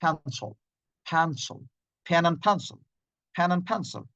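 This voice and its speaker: Over a lo-fi video call with no echo, a middle-aged Bangladeshi-accented lecturer drills pronunciation sound by sound. His voice is a little high, animated, gravelly and a bit bright, and he repeats words slowly while spelling out their sounds.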